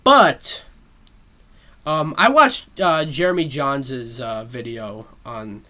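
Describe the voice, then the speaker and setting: Hosting his own show alone, this man rambles through casual pop-culture commentary, swearing often and leaning on fillers. He has a mid-range, bright, forceful voice and a slow pace.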